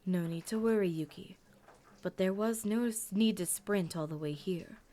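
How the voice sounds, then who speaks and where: A woman voicing a calm, measured older male leader of demon hunters in a storybook audio drama. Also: on the low side, natural voice.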